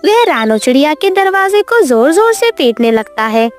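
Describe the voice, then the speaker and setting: A woman narrating a children's cartoon story in an expressive, sing-song way. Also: high voice, normal speed, soft background music.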